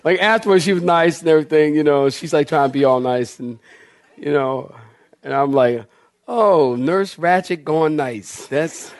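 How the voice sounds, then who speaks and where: Animated high-voiced pastor telling a story. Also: male voice, normal speed. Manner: animated, laughing, acts out voices in his story. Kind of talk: live sermon with storytelling. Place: church sanctuary, recorded live.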